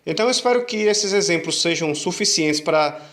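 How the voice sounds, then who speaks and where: A male teacher giving an online grammar lesson, patiently repeating rules, asking rhetorical questions and drawing out syllables slowly to show stress. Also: a little high, expressive, a bit bright. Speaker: Portuguese teacher.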